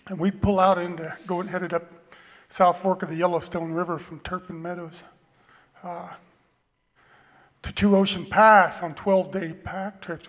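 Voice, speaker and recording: In a reverberant hall, a middle-aged man tells stories at a cowboy poetry gathering. His voice sits a little high, and he talks in a halting, plainspoken, folksy way. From Eastern Oregon, United States. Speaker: cowboy poet introducing his poem. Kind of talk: cowboy poetry gathering stage talk, anecdotal storytelling. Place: stage in a hall.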